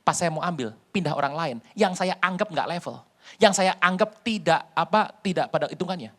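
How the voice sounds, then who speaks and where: Animated male pastor telling stories. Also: high-pitched, normal speed. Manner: lively storytelling, joking. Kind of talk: sermon.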